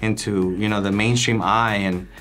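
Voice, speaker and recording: A man's voice: lowish voice, steady tone, moderate pace, fairly bright tone, soft background music. A young man co-hosting a casual recap chat, rambling and laughing, with many fillers. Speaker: podcast co-host.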